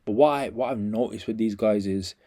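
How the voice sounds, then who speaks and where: A man's voice: on the low side, brisk, warm tone. A man talks casually and bluntly in a rambling video review, repeating himself in slangy, scathing, aggrieved critique. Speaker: vlogger giving a review.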